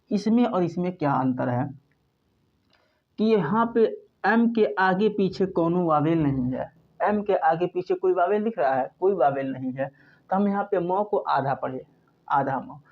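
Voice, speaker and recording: A male teacher from India speaks, explaining a lesson step by step. He repeats himself patiently and keeps posing questions that he then answers. The recording sounds dull and lo-fi. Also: high-pitched. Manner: patient, repeats points, asks and answers his own questions. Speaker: English teacher. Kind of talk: spoken classroom lesson.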